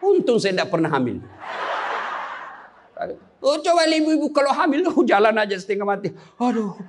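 A man's voice: extremely high pitch, very animated, moderate pace, slight background noise. A man preaching a humorous sermon, joking with the crowd and quizzing them with questions. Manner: joking, chatty, quizzes the audience. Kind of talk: humorous sermon to a live audience.

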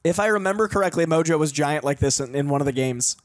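A man's voice: fairly high pitch, fast. A man in his thirties making short, knowing, casual reaction remarks on a headset mic. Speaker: reaction show host. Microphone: headset boom mic. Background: cartoon soundtrack music.

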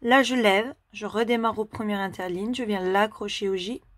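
A woman teacher giving a slow, step-by-step handwriting lesson to a young child. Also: mid-range voice, fairly even intonation, no room sound.

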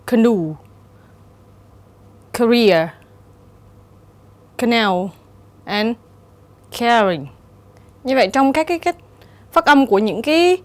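A woman teacher giving a steady, explanatory exam-prep lesson and reading the answer options aloud. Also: fairly high pitch. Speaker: English teacher.

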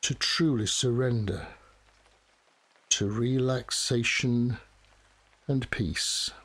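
A man leads a guided meditation in a soft, soothing voice of medium pitch. He speaks very slowly, leaving long pauses between short phrases. Steady rain falls behind him. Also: slightly rough. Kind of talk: guided relaxation meditation narration.

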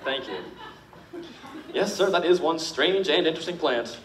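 Man as high-voiced, curious shop customer. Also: animated, normal speed, over a noisy crowd, close to an everyday voice. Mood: pleasant. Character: curious, courteous male customer in a flower shop. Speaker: stage actor. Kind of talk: stage musical theatre dialogue. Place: school stage, recorded from the audience. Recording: distant echoey theatre, clear noise.

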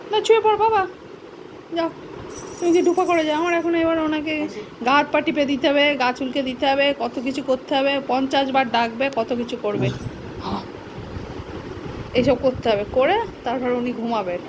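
High-voiced woman, pet vlog at home, sing-song coaxing, noisy home video. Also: normal speed. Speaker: pet vlogger. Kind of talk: casual chat with her dog. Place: home, in a bedroom.

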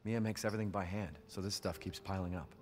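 A man playing a soft-spoken young father. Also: low-pitched, fast talker, natural voice. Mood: tender. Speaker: video game character. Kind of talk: game cutscene dialogue. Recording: game audio under loud music.

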